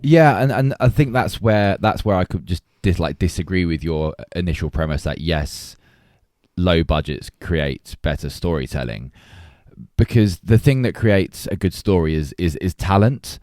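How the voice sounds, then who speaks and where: Low voiced guy making his case on a podcast, stops and restarts a lot, dry sound. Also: animated, normal speed, darkish tone, dry recording. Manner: earnest, restarts words, argues a point. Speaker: podcast co-host. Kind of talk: casual debate chat.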